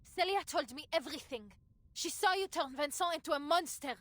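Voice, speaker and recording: An actress voicing a frightened young woman in a game, speaking in a shrill, urgent way. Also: fairly quick, fairly bright tone, no room sound. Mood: accusing. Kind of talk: game voice acting.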